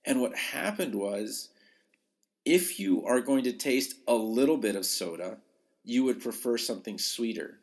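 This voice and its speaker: Here a podcast host and coach shares informal advice in a conversational, emphatic style, acting out little quotes. His medium-pitched voice has lively intonation, and he talks a little slowly.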